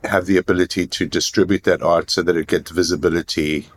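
Man, 60s, born in South Africa, very low voice, measured podcast interview answers. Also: steady tone. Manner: measured, plain-spoken, with small restarts. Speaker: guest, art residency founder.

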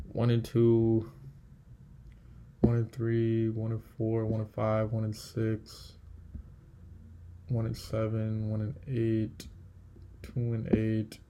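A man's voice: on the low side, background noise. A man hosting a casual solo sports podcast, bluntly trash-talking teams and thinking aloud as he tallies win-loss records. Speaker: podcast host.

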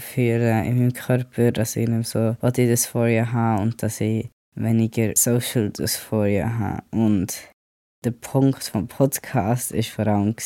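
A man's voice: medium pitch, dark tone, dry recording, studio quality. Chatty young man with a cold. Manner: chatty, rambling, mixes in English words. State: has a cold. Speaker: podcast host. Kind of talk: casual solo podcast chat.

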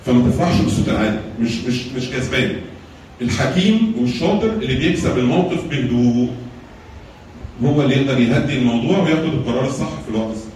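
A man's voice: medium pitch, expressive, very fast, a little mellow, slight background noise. Egyptian guy doing a church talk on anger, asks questions and repeats himself, mic far away and lots of echo. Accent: Egyptian Arabic. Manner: teaching with rhetorical questions and repeated phrases. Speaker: church lecturer. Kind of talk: talk on anger management with slides. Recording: very echoey room, mic far off.

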